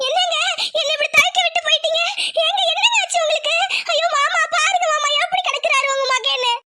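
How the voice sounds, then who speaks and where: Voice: very high-pitched, fast, heavy background noise. A performer voicing a frantic young village wife in a cartoon drama, crying out shrilly. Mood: wailing. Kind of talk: Tamil cartoon drama voice acting.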